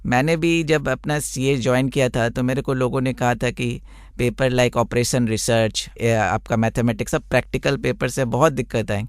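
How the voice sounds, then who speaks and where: A blind tax consultant answers radio interview questions, explaining in a measured way with many examples. His voice is medium-pitched with fairly even intonation, recorded in studio quality with no echo.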